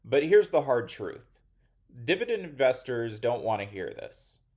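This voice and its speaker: A man hosting an investing channel, giving measured, critical finance commentary in a scripted style. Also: medium pitch, very animated, darkish tone.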